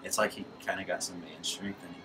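A baseball coach in his thirties with a very low voice talks loosely in a postgame interview, restarting his sentences often. He sits in a press box over a night field. The mic sits some way off and a steady noise runs behind him. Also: a little fast. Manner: casual, rambling with restarts and laughs. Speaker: high school baseball coach. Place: press box above a lit ballfield at night. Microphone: headset mic. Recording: distant mic with background noise.

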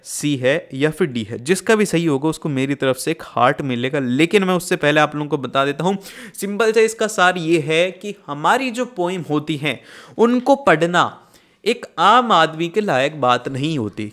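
A man teaching an exam prep lesson to students. He explains in Hindi mixed with English terms and reads answer passages aloud slowly. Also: on the high side, a bit bright. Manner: addresses students directly, asks for comments.

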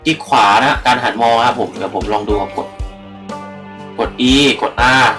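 A man's voice: medium pitch, normal speed, a bit bright, soft background music, rough recording. A young man giving rambling, casual let's-play commentary into a computer microphone, swearing freely and talking to his viewers. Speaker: gaming channel host.

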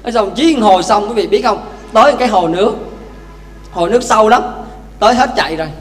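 A man, a Buddhist monk, giving a lively dharma talk with stories, speaking directly to the congregation. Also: high-pitched, fast. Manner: lively, addresses audience directly. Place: temple hall. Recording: echoey temple hall, faint hum.

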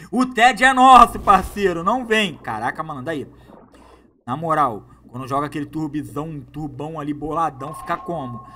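A man doing excitable, slangy live gameplay commentary as a gaming YouTuber, hyping up his viewers. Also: fairly high pitch, moderate pace, slight background noise.

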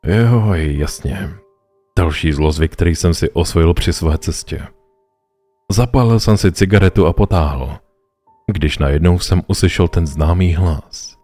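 A man narrating a first-person horror story in a calm, measured way. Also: sits low, soft background music.

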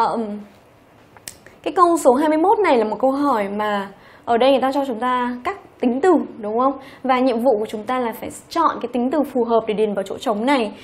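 Brief: female teacher, somewhat high voice, patient step-by-step explainer who keeps checking in. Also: darkish tone. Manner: explains step by step, often checks with "ok?" and "đúng không?". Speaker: English teacher. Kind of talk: online exam-review lesson.

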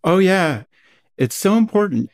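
A man's voice: high-pitched, big pitch swings, unhurried. A man, a psychologist guest on a podcast, explaining research enthusiastically in a conversational way. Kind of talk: conversational interview.

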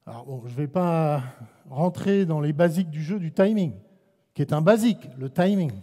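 Speaking at a normal speed in a fairly high, mellow voice, a French-accented man runs a live basketball clinic, shouting brief commands and ribbing his players. The indoor gym lends the recording a long hall echo.

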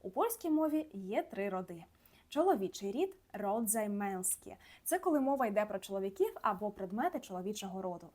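A woman teaching a scripted grammar lesson, slowing down to enunciate each example word carefully. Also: medium pitch, sing-song, darkish tone. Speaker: language teacher.

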